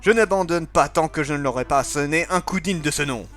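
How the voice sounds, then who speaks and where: A man's voice: a little high, a little fast, fairly bright tone, faint music behind, lightly acted. A man reading a determined young swordsman. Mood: earnest. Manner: plain earnest delivery, own voice.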